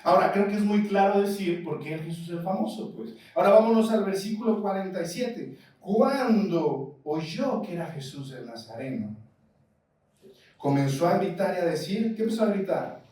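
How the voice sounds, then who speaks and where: Mexican pastor preaching in an echoey hall. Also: male voice, high-pitched, normal speed. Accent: Mexican Spanish. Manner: lively preaching, asks the congregation questions. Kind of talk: sermon. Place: church hall. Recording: echoey church hall, mic at a distance.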